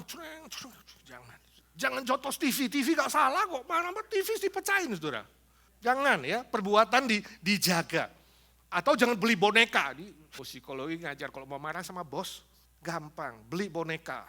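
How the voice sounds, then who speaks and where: Male pastor, sermon, high bright voice, very animated pitch, jokey acted asides. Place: church in Los Angeles.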